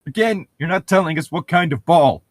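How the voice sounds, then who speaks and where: Co-hosting a read-aloud of a novel, a man reads the prose and then breaks off for irreverent, sarcastic, sweary jokes. His voice is a little high, animated and brisk, with no echo.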